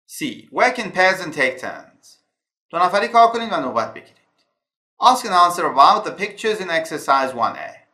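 A man teaching an English lesson who reads English phrases slowly and clearly, then explains them. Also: medium pitch, pushed and bright, echoey room. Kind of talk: language lesson explaining vocabulary and word stress.

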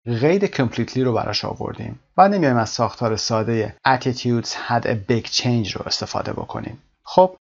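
A man teaching an English vocabulary lesson, explaining words one by one and reading English example sentences slowly and carefully. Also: medium pitch, vocal fry, lo-fi sound.

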